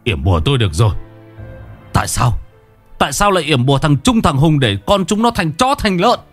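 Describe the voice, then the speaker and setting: A wailing older village father cries out in raw anguish, his voice leaping up high and loud. A man puts him on while narrating the tale. Faint music plays behind him. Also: sing-song, moderate pace. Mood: desperate. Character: older male village father, grief-stricken and crying out.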